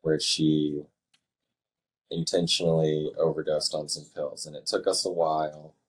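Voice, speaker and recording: A man who works as a fire dispatcher answers interview questions in a measured, thoughtful way, his phrasing halting. He has a husky bass voice with a level tone.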